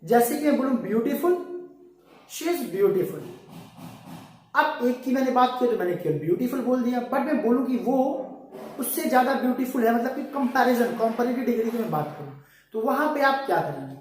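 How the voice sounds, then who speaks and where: A man's voice: very high-pitched, animated, normal speed, darkish tone, recorded from a distance. A man teaches an online English grammar lesson, walking his students through each rule with one rhetorical question after another. He stands some way back from the microphone. The room around him rings with heavy echo. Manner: keeps asking rhetorical questions and calls students "beta". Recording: very echoey room, voice off-mic.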